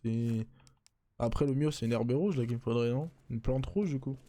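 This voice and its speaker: A man's voice: mid-range voice, dark tone. A young man casually commenting as he plays a horror game, muttering to himself and cracking jokes. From France. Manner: chatty, muttering to himself, quick to joke. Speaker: let's play streamer.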